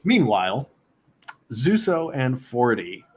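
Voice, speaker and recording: A man narrating as the game master of a tabletop game, relaxed and rambling with many fillers. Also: medium pitch, slow, slight background noise.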